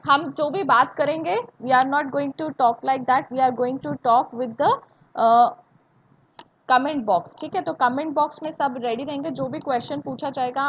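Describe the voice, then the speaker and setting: Teaching maths in a live online class, this Indian woman has a higher-pitched voice and mixes Hindi with English. She goes over points again and poses check questions to students, captured on dull lo-fi audio with a faint hiss.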